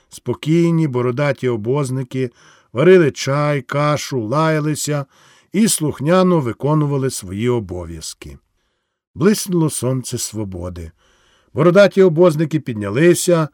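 A man reading a novel aloud as an audiobook, in a measured, dramatic way. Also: mid-range voice, darkish tone, dry recording. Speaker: audiobook narrator. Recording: dry close studio sound.

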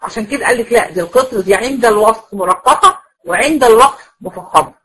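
Woman, Egyptian accent, recitation teacher, somewhat high voice, husky, patient and repetitive, asks the class checking questions. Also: expressive, fast, a bit bright, rough recording. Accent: Egyptian Arabic. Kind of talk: classroom lecture.

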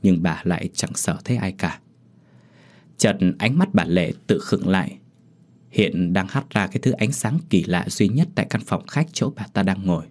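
Male narrator for a horror audio story, low and husky, steady delivery. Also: moderate pace.

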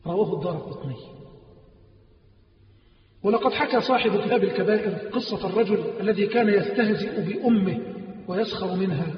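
A man preaching a sermon with passion, swinging between loud emphatic lines and low hushed ones. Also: a little fast, long pauses, slight background noise. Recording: echoey hall heard from a distance, dull sound.

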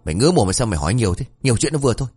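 A man voicing a surly, spiteful old male villager who snaps rudely and fast. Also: mid-range voice, very animated, a little mellow, breathy edge, voice pushed up. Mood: snappish. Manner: snappish and rude.

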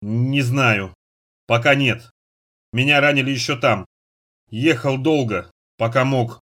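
A man playing a dying wounded man. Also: mid-range voice. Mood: desperate. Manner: slow, broken, loud gasps of short words. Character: wounded older man, dying, gasping, urgent.

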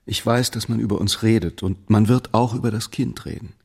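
A cautious royal physician in a radio play, speaking carefully to calm those around him. His voice is low, gravelly and husky, yet it moves with a lively lilt. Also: a little fast, in a large hall. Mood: soothing. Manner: careful, calming. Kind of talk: radio drama acting.

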